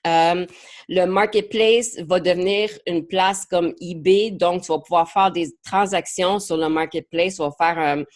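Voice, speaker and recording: Leading a live web training as a marketing coach, this woman speaks at a measured pace in a lowish voice with fairly even intonation. English is her mother tongue and her accent is English Canadian; her chatty French slips into English words, with frequent hesitations and repetitions.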